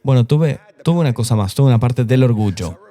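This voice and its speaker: A man's voice: mid-range voice, animated, a little fast, warm tone. A middle-aged man, a pastor, telling his personal testimony in an earnest, confessional way during an interview.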